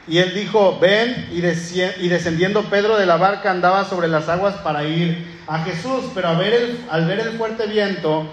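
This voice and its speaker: Male pastor, high voice, animated sermon, faint room noise in a reverberant hall. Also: normal speed. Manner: lively, calls out to the congregation. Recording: echoey hall with room ambience.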